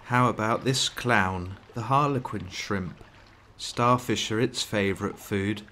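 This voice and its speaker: Low-voiced man narrating a nature documentary. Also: takes it slowly, pushed and bright, a little hiss or hum.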